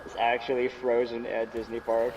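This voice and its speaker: Twenties guy co-host, loose animated storyteller, mid pitch, distant mic. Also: normal speed, lo-fi sound. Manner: animated, swearing, laughing storyteller. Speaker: podcast co-host. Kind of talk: casual chat.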